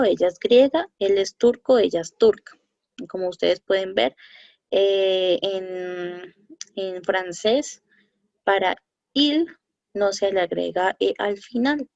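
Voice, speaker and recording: Brief: woman French teacher, gravelly edge, starts and restarts, dull dry lo-fi recording. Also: mid-range voice, darkish tone, dry recording. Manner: halting, many fillers and self-corrections. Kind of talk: recorded lesson over slides.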